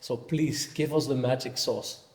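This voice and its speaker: A man's voice: mid-range voice, steady tone, measured pace. A Belgian man hosting a conference interview, asking questions in a friendly, chatty way. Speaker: interviewer, host. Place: conference venue, echoey hall. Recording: echoey conference hall.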